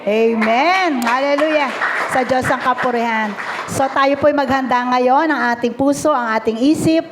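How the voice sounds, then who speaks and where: A woman's voice: high-pitched, normal speed, a crowd in the background, noisy background. A woman acting as worship leader, introducing the pastor with informal asides. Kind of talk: leading a church service.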